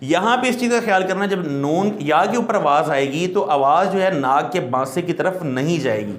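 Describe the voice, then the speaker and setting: Male recitation teacher, high voice, patient explainer with long drawn-out sound demos, echoey room. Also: expressive. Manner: explains patiently, then draws out letter sounds as long demonstrations. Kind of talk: classroom lesson.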